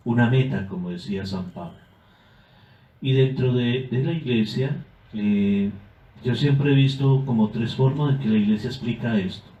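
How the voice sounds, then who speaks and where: A man, a priest guest, explaining church doctrine in a measured way. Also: lowish voice, mellow. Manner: measured, with frequent filler tags and restarts. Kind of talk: catechetical explanation. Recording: echoey, dull-sounding room.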